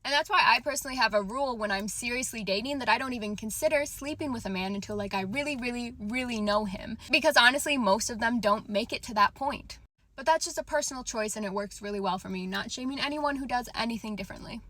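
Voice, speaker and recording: A woman's voice: a little high, quick pace, bright, forceful tone. A young adult woman giving casual dating advice in a confident, emphatic, conversational way. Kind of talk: casual opinionated advice talk to camera.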